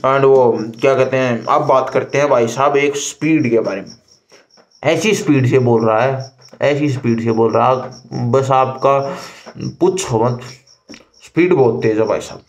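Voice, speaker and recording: A man's voice: medium pitch, a little mellow. A young man talks casually and repetitively from a room, giving advice like a vlogger to his viewers. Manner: chatty, repetitive, conversational advice. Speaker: exam candidate vlogger. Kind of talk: casual talk to camera. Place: indoor room.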